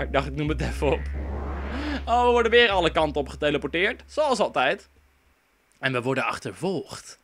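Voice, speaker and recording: A young man doing let's play commentary, sarcastic and jokey, swearing often. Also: sits high. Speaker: gaming YouTuber. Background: faint game music.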